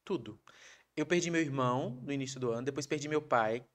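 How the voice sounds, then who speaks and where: Fast-talking Brazilian man telling stories. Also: medium pitch. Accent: Brazilian Portuguese. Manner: animated, acts out quoted voices of his wife. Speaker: podcast guest. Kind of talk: casual storytelling interview.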